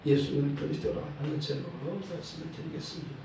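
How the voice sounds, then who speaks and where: A male pastor preaching a sermon in a church, in a measured way, often dropping a short "yes" between phrases and quoting verses. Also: fairly high pitch, steady tone, background noise. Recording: echoey hall, voice from a distant mic.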